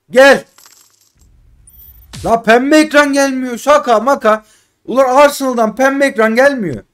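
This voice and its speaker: A high-voiced male gaming streamer pleads and grumbles in frustration while opening game packs during casual live commentary. His volume swings between loud outbursts and muttering.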